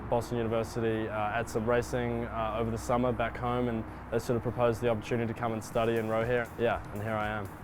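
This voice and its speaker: Fast-talking young man. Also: medium pitch, little pitch movement, background noise. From Netherlands. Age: young adult. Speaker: college rower. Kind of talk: interview sound bite. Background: music.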